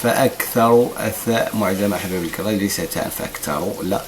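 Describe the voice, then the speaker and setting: A man with a Moroccan accent teaching tajweed, stretching out recited words slowly, then explaining quickly in Moroccan dialect. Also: low voice, background noise. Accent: Moroccan Arabic. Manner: alternates drawn-out chanted recitation with quick explanations. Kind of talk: tajweed lesson with slow demonstrative recitation.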